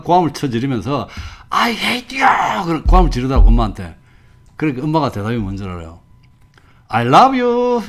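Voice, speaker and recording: An older man giving a professor's lecture, reading passages aloud and telling anecdotes in a chatty way. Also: medium pitch. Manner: conversational, tells anecdotes, reads quotes with feeling.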